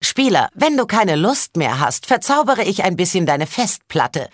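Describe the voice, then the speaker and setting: A woman playing a haughty, teasing high elf in a comic video game, mocking and wry. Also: very animated, unhurried, no room sound, studio quality.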